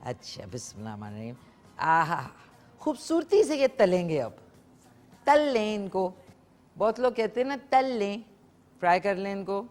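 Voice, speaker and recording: A woman's voice: mid-range voice, very animated, long pauses, darkish tone. Chatty woman host, live cooking demo, easygoing and talkative with viewers and callers. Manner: chatty, code-switching with English words, talks to viewers and callers. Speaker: morning show host cooking on air. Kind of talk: casual live cooking demonstration.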